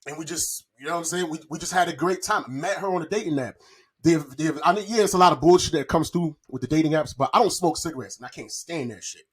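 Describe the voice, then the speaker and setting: This man sits on the higher side, and his voice is husky and quick. He's a podcast guest in his forties, chatting loosely about his own life in crude, slangy language and tending to say the same things over again.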